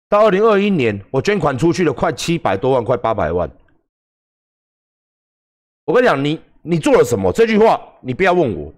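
Livestream host, Taiwanese man, middle-aged, heated profane rant, high voice with big swings. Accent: Taiwanese Mandarin. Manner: combative, profane, shouting at critics.

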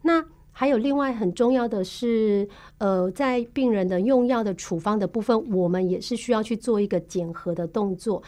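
A woman with a Taiwanese Mandarin accent who works as a tuberculosis case manager, explaining her work patiently in a podcast interview, pausing often on fillers. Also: mid-range voice, dark tone. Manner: patient, explanatory, measured with frequent filler pauses.

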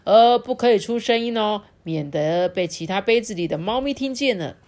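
Woman doing a deadpan, hushed ride attendant. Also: mid-range voice, moderate pace, close to an everyday voice. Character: odd deadpan theme park ride worker. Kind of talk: storybook reading.

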